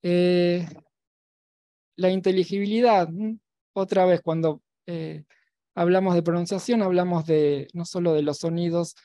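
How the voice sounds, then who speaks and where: A man giving an academic talk as a lecturer at a virtual symposium. He pauses and restarts often, with many fillers and tag questions. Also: sits high, mellow, dry recording, clean studio sound. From Argentina. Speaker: university lecturer.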